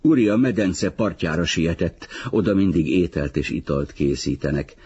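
A man reading a novel aloud as an audiobook narrator in a measured, even manner. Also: sits low, slightly rough, dull audio. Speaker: audiobook reader.

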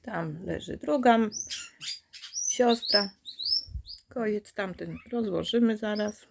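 A woman's voice: mid-range voice, slow pace, vocal fry, noisy background. A woman, a dog breeder, chatting casually to her puppies in affectionate baby-talk, often dropping to a whisper. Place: indoors at a puppy pen.

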